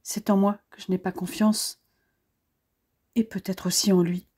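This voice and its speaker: A woman voicing a young male officer, anxious and devoted, speaking softly and from the heart. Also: medium pitch, level tone, measured pace, husky. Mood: heartfelt.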